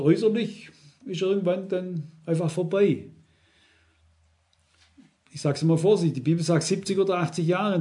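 A middle-aged man preaches a sermon in a voice that sits high and is a little mellow. He's earnest and repetitive, repeating phrases and often turning to the congregation with direct questions.

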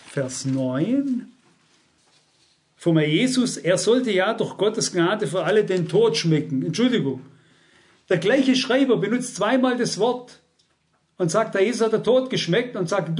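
A man's voice: high voice, a little mellow. A man preaching a sermon, insistent and full of rhetorical questions to his listeners.

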